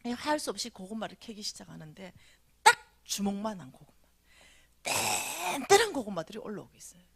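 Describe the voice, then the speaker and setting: A middle-aged woman telling a dream story in a revival sermon, animated, acting out the voices and often dropping to a whisper. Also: medium pitch, normal speed, gravelly, breathy edge. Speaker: revival speaker.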